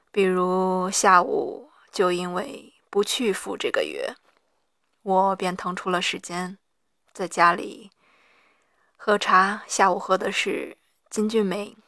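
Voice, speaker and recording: Female diarist, gravelly and hoarse, very slow and reflective, pausing mid-thought, mid-pitched. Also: fairly bright tone, dry recording, clean studio sound. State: hoarse after an hour of reading aloud. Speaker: solo audio diarist. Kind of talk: personal audio diary, reflective monologue.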